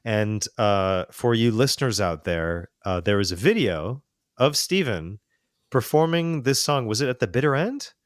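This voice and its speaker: A man hosting a podcast interview, speaking haltingly with many fillers and restarts, and full of praise for his guest. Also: on the low side, expressive, no room sound, clean studio sound. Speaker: podcast host.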